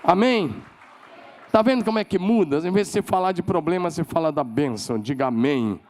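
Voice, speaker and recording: A man with a Brazilian Portuguese accent preaching a sermon as pastor, emphatic, leading call-and-response and climbing to shouted declarations. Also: a little high, fast, a faint crowd. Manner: leads the congregation in call-and-response.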